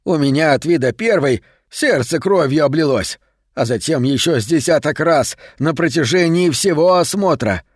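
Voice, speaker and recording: A man voicing an irritable male bookseller who grumbles and scolds, pitched above his own voice and louder. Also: animated, unhurried, few pauses, no echo, studio quality. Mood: bitter.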